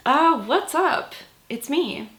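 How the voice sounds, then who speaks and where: Sick, husky-voiced woman chatting casually. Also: high voice, expressive, slow pace, a bit bright. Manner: casual, swears a lot, many fillers. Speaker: book vlogger. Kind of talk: casual monthly reading wrap-up.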